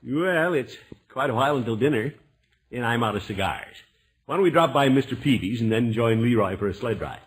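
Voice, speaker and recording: The Great Gildersleeve, actor as blustery genial uncle. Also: male voice, mid-range voice, animated, a little fast, natural voice. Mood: genial, bustling. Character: genial, blustery middle-aged uncle, jovial family man. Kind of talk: 1950s radio comedy acting.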